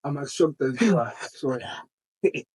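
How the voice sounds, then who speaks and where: A man's voice: medium pitch, expressive, moderate pace, a little mellow, slightly rough, low-quality recording. A man hosting a podcast, asking questions in a playful, teasing way with slangy interjections. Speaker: podcast host.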